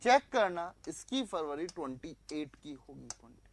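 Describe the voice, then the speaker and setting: A man's voice: fairly high pitch, very animated, moderate pace, gravelly. A male teacher running a live online class, quizzing students, repeating their answers back and mixing in English phrases.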